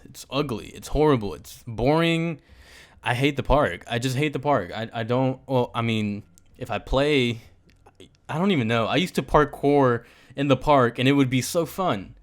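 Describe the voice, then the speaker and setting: Smooth-voiced young man chatting casually. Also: mid-range voice. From United States. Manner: rambling, joking, animated asides. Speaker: podcast host. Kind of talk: casual solo chat.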